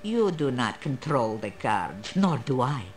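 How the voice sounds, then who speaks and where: Old female fortune teller, video game character, slow solemn delivery, sweeping intonation, mysterious, proud. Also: rumbling low, big pitch swings, darkish tone, soft background music, heavily acted.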